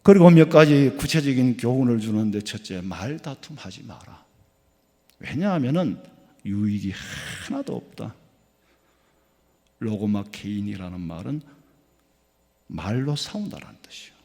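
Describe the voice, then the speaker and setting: A man from South Korea, a pastor preaching a midweek sermon with folksy stories, swinging between loud emphatic lines and soft low asides. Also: lively intonation, a little slow, pauses often. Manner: folksy, anecdotal, acts out dialogue. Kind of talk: sermon with storytelling. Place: church sanctuary. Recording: long hall reverb in church.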